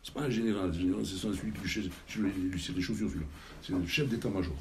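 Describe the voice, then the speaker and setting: Animated low-voiced rabbi telling a story. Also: male voice, fast. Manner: animated, repeats and stumbles over words. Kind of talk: storytelling sermon. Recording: noisy background.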